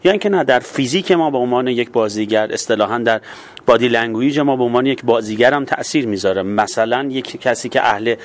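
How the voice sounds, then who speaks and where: A man's voice: mid-range voice, dry recording. A man interviewing stage actors, posing long questions in a friendly way.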